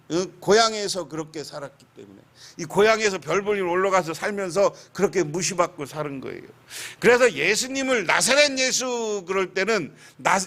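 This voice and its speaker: A man pastor, preaching a lively sermon that tells a story and keeps asking the congregation questions. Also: high voice.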